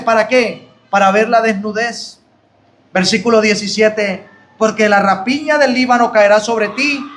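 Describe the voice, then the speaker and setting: In a very high, fairly bright voice, a man with a Colombian Spanish accent delivers a fervent Bible study sermon. He calls his listeners "hermanos" and his voice rises whenever he exclaims.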